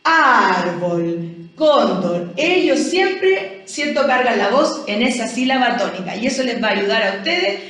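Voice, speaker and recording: A woman's voice: high voice, big pitch swings, moderate pace, hardly any pauses, a bit bright. A Chilean woman teaching a primary school language lesson, explaining patiently and checking in with frequent rhetorical questions. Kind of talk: recorded classroom lesson explanation. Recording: very echoey room, voice from far off.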